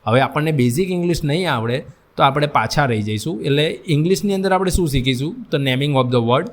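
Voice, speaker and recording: A vocational instructor delivers a classroom lecture on employability skills, speaking directly to his students and weaving English terms into his explanations. His voice is fairly high, expressive, and quick.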